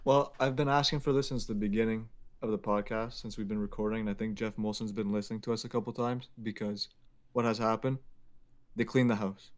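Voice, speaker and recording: A young man from Quebec, Canada, co-hosts a casual sports podcast, speaking briskly in a lowish, steady voice. He's opinionated and emphatic, given to joking rants.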